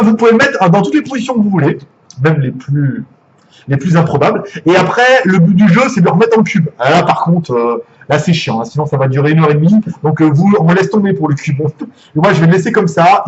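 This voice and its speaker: A man's voice: high-pitched, lively intonation, a little fast, dull audio. A man with a French accent, chatty and jokey, unboxing gadgets live and swearing casually. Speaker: gadget reviewer.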